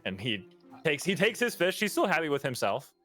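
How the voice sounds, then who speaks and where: A man's voice: a little high, sing-song, fairly quick, sharp tone, faint music behind. A man narrating as game master of a tabletop game, rambling with many restarts. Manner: rambling, restarts often, laughs.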